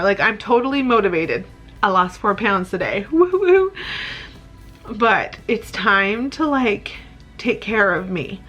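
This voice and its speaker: Candid vlogger, woman, late 30s: bright, even-pitched voice, rambling and tender, faint music under her. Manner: rambling, open, tender, with small laughs. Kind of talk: candid personal vlog.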